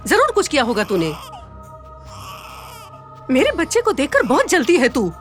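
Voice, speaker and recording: A harsh cartoon stepmother scolds with a high, shrill voice. Her pitch leaps up and down as she speaks, and faint music sits behind her. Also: very animated, normal speed, a bit bright. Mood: furious. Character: cruel harsh stepmother, doting on her son.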